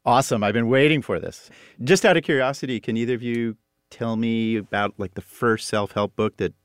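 A man's voice: mid-range voice, brisk, clean tone, no room sound, studio quality. A man hosting a podcast, introducing guests and interviewing them conversationally. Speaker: podcast host.

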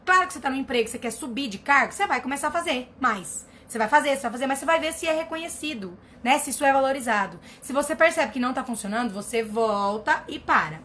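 A woman's voice: high-pitched, lively intonation, fast, hardly any pauses, sharp tone, a little hiss or hum. A woman therapist giving blunt, emphatic advice in a casual chat, often repeating herself for stress. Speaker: family constellation therapist answering viewer questions. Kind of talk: casual live advice reading comments.

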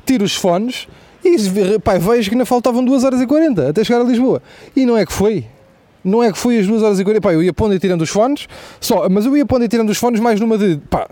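A young man with a European Portuguese accent rattles through a stand-up story at speed, his voice sitting high for a man. His tone is mellow and dark, and the sound is dry and close with no room echo. He swears freely and keeps turning to the audience with asides. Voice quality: profane, animated storytelling with asides. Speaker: comedian host. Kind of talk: stand-up comedy monologue.

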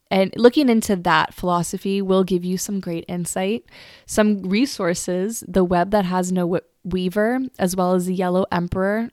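A woman in her twenties talks through her podcast in an earnest, chatty way, often doubling words as she restarts a thought. Her pitch sits in a middle range for a woman. The sound is dry and close to the mic, with no room in it. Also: a little mellow, dry recording. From United States. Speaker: podcast host. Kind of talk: casual solo podcast talk.

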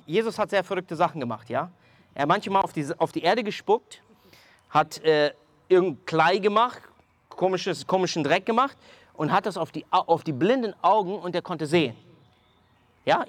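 Brief: male preacher, somewhat high voice, animated testimony, dry close sound. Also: moderate pace, no echo. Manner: animated storytelling, addresses listeners directly. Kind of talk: sermon testimony.

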